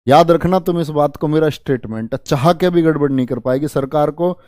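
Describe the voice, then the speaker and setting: In a clean studio recording with no echo, a male Hindi teacher coaches exam students online, repeating spelling words warmly and chattily while promising them dramatic results. He speaks briskly in a somewhat high, slightly mellow voice.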